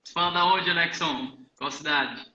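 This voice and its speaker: A man's voice: a little high, normal speed, bright, forceful tone, highs cut off. A man hosting a live stream, chatting casually and greeting viewers by name in an upbeat way. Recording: echoey room, far from the mic.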